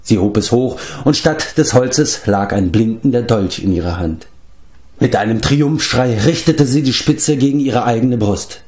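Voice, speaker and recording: A man narrating an audiobook in a measured, low storytelling tone. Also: darkish tone. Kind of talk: audiobook reading.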